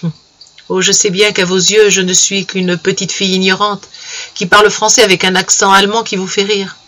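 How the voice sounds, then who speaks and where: A heartbroken young German girl in a storybook, gentle and tearful, pouring out soft reproach, as a man reads her part. The voice sits high and sounds bright and clear. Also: little pitch movement, fairly quick. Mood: hurt, pleading.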